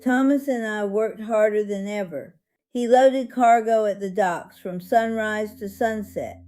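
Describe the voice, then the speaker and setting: A woman voicing a dignified, hopeful 101-year-old survivor, narrating her life story in a solemn, earnest, measured way over music. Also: mid-range voice, warm tone, lightly acted. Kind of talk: scripted first-person life-story narration.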